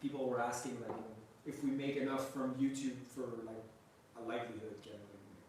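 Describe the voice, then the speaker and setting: A young travel vlogger from Montreal, Quebec, a native French speaker with a French Canadian accent, hosts a livestream and casually reads out viewer questions, rambling with many "like" fillers and restarts. His mid-range voice is steady, brisk and a little mellow. He's off-mic and distant in an echoey room with faint noise.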